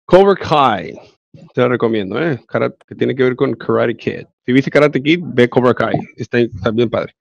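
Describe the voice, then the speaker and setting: A man's voice: mid-range voice, normal speed, creaky, no room sound, highs cut off. A male English teacher with a Mexican Spanish accent, giving an online class and explaining grammar step by step with frequent check-ins.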